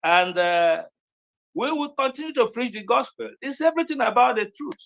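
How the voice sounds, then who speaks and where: A man's voice: extremely high pitch, lively intonation, normal speed, creaky, a bit bright, muffled recording. A man giving an earnest, sermon-like address to a gathering. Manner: earnest, preaching cadence.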